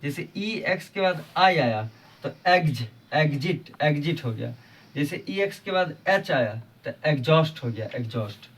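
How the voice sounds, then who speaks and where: Far from the mic, a man with an expressive, fairly bright, slightly high voice speaks at normal speed. He is giving an English pronunciation lesson on his channel, going over each example patiently and tossing out rhetorical questions.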